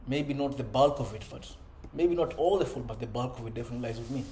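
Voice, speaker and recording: A man's voice: mid-range voice, quick pace, warm tone. Earnest father talking in an echoey room. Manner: earnest, conversational, frequent "you know" and "right?". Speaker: self-improvement vlogger. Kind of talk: reflective personal monologue. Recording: echoey room with faint ambient noise.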